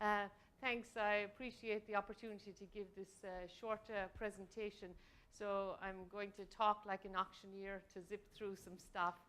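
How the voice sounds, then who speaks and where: Smooth-voiced hesitant woman presenter. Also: mid-range voice, flat delivery, normal speed, fairly bright tone. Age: middle-aged. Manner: hesitant, many fillers. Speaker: invited speaker. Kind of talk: academic presentation.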